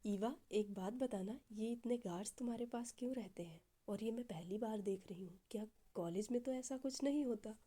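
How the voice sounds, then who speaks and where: A woman's voice: fairly high pitch, normal speed, few pauses, warm tone, close to an everyday voice. A woman storyteller voicing a shy young woman in love who gets coy and flustered when teased. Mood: curious. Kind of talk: storytelling with acted dialogue.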